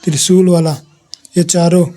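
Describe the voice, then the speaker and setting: A man's voice: a little high, flat delivery, normal speed, dark tone. A man giving an exam revision lesson, reading his notes aloud and listing letters one by one. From India. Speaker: teacher.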